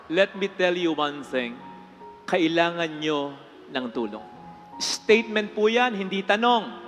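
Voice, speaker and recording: High-voiced Filipino priest preaching. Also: male voice, a bit bright, long reverb tail. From Philippines. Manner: preaching to the congregation with rhetorical questions, mixing in English phrases. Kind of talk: sermon.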